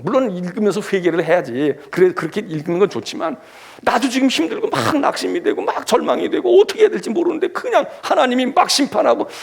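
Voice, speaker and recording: Lively, gravelly male pastor preaching. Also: high voice. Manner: animated, acts out scolding and comforting voices; asks the congregation rhetorical questions. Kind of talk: sermon.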